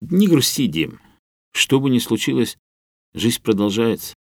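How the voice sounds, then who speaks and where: Audiobook: man playing an older professor, kindly, measured, dry close mic. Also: medium pitch, big pitch swings, dry recording, pitched above the performer's own voice. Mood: gentle. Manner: measured, reassuring, explanatory.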